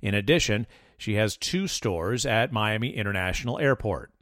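A man's voice: lowish voice, no room sound. Man reading a news report, dry. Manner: measured, even reading. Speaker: radio reporter. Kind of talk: scripted news narration.

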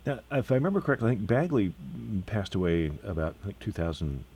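A man's voice: on the low side, sing-song, fast talker, a little mellow, slightly rough. A man interviewing an author on the radio, stumbling and repeating words as he asks his questions.

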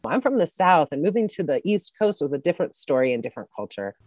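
Lively live interpreter voice for a signer. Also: mid-range voice, quick pace, no echo, clean studio sound. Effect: live interpreter voicing a deaf speaker's signed words. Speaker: sign language interpreter. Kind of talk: spoken interpretation in a radio news feature.

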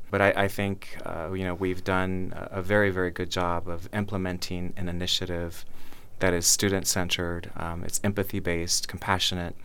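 A man speaking as an interviewed schools official, earnest and measured, often repeating words for emphasis. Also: low voice, fairly bright tone, clean tone. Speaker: county schools superintendent being interviewed. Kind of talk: prepared interview answers.

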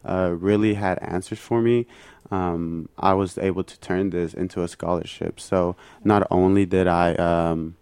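Low-voiced young man. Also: steady tone, a little mellow, clean tone, no room sound. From Mexico. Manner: earnest, halting with fillers. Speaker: student guest. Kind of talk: interview.

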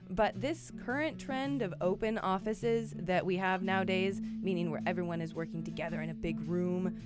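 A woman hosting a podcast, narrating in a scripted yet casual, upbeat way with occasional fillers. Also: mid-range voice. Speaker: podcast host.

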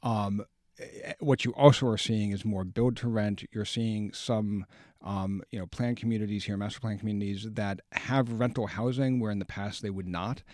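A low-voiced man talks as a studio guest on a radio show, dry and close to the mic. He explains things in a measured way and often trips over his first words before finding the thought. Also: fairly even intonation, darkish tone, no echo. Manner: measured, explanatory, stumbles on restarts. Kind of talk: radio talk commentary.

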